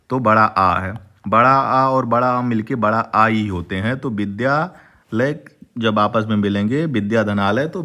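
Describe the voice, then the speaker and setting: A man's voice: mid-range voice, fairly bright tone. A man teaching a grammar lesson for exam prep, explaining in a repetitive way, drawing out vowel sounds and mixing in English terms. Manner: explanatory, repeats points, drawn-out vowel demonstrations; mixes English terms into Hindi.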